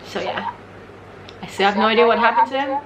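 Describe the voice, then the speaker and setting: A woman's voice: on the high side, fairly quick, crowd noise, low-quality recording. Candid young woman chatting, swears freely. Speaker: mukbang video host. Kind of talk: casual real-talk chat over a meal.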